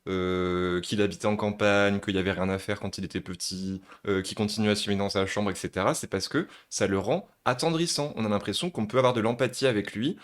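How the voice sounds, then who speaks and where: Brief: male streamer, live reaction, excitable, laughs a lot, loose casual swearing. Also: lowish voice, brisk, few pauses.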